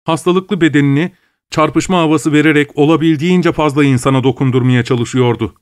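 A man narrating a story as an audiobook, in a steady, even manner. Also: on the high side, a little fast, no echo, clean studio sound.

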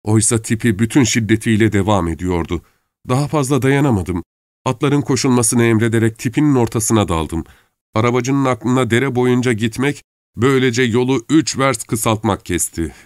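A man calmly narrating a story in a measured audiobook style. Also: medium pitch, no echo, clean studio sound.

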